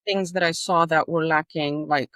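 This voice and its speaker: Woman, Greek accent, earnest, pauses and restarts, dry sound. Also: sits low, fairly even intonation, fairly bright tone, no echo. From Greece. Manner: earnest, frequent hesitations and restarts. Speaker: guest, behavior analyst. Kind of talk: casual interview chat.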